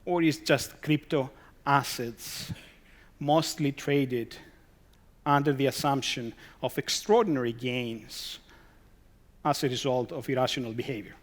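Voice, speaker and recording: A man's voice: mid-range voice, measured pace. Guy presenting at a conference, reads out his slide titles, throws rhetorical questions and dry little asides at the room, middle-aged. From Greece. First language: Greek. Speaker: conference speaker.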